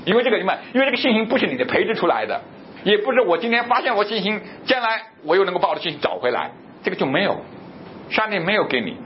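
A man preaching a sermon, asking questions and answering them himself, and reading scripture aloud slowly. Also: high-pitched, very animated, muffled recording, a little hiss or hum. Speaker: pastor.

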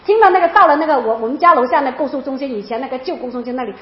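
In this dull, roomy lo-fi recording made in an echoey space, a high-voiced woman speaks quickly. She tells her personal testimony as a story, emotional and animated, repeating herself often.

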